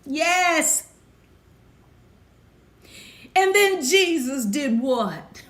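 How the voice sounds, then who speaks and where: A woman preaches in a high voice with a slow, deliberate pace, stretching key words for emphasis. She calls out and answers her own questions with fervent energy. The room around her rings with echo. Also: lively intonation, a bit bright. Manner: fervent call-and-response preaching, rising to high exclamations; drawn-out emphatic phrasing. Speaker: preacher and health speaker. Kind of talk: preaching sermon mixed with health talk. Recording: echoey room.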